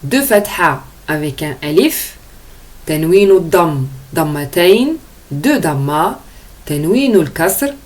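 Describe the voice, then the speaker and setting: A woman with a slightly low voice leads a pronunciation lesson at a very unhurried pace. She sounds out each letter and vowel carefully, one at a time, and switches between Arabic and French explanations. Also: lively intonation. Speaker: Arabic teacher.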